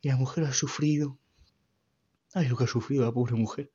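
Man, husky voice, halting earnest testimony, muffled lo-fi sound. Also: medium pitch, fairly even intonation, warm tone. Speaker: grieving son giving testimony. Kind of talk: personal faith testimony.

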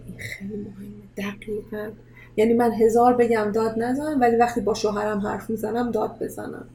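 A woman hosting a casual interview, talking in a lively way and dropping English words into her speech. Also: on the high side. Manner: animated, mixes English words into Persian. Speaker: podcast host. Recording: roomy echo, faint noise.

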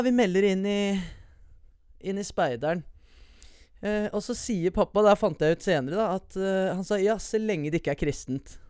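A young man with a slightly high, smooth and clear voice tells a story from his own life. He talks loosely and swears a lot, dropping English slang in as he goes, and the recording is close and dry with no room sound. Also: a little mellow, no room sound. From USA and Norway. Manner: profane, slangy, mixes English words into Norwegian. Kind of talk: casual personal storytelling.

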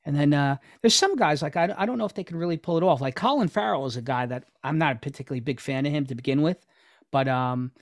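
A man's voice: a little high, quick pace, no room sound, clean studio sound. A man from New York co-hosting a podcast, chatting casually, agreeable and asking questions. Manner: agreeable, asks questions, many fillers. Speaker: podcast co-host. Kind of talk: casual chat.

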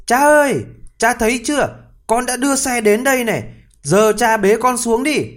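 A man voicing a tiny, clever, cheeky little boy in a storybook reading, with a high, excited voice. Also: normal speed.

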